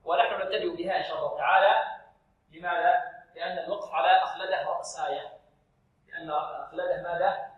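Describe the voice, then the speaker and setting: Male recitation teacher, higher register, quizzing and drilling students, recorded in a reverberant room. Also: steady tone, quick pace, highs cut off. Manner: asks rhetorical questions, drills syllables aloud. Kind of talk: tajweed lesson with call-and-repeat drills.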